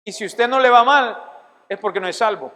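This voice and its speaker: A man's voice: high voice, a little fast, bright, forceful tone. A middle-aged man, a pastor, teaching a seminary Bible class in an emphatic sermon style, asking his listeners questions. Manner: emphatic, asks the audience questions. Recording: long hall reverb.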